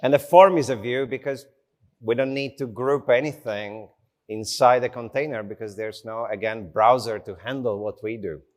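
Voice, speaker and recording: A man speaking English as a second language gives a conversational tech talk at a slow, unhurried pace, informal and self-deprecating. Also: mid-range voice. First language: not English. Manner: unhurried, slow delivery with short phrases. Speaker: conference speaker. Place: conference stage in front of an audience.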